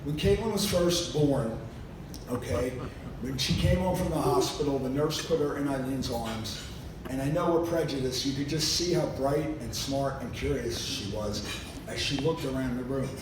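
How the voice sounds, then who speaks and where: A middle-aged or older man giving an informal wedding toast as father of the bride, telling jokey family stories. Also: moderate pace. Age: 50s or older. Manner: jokey storytelling with acted-out quotes. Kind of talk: wedding toast, informal anecdotal speech to guests. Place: large room at a wedding reception. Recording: echoey noisy hall, distant mic, low rumble.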